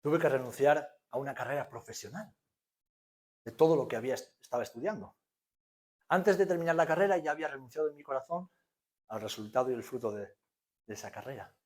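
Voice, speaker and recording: A male pastor in his forties with an accent from Spain, preaching a sermon that swings from hushed to loud. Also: mid-range voice, lively intonation, fairly quick, pauses often. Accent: Spanish from Spain.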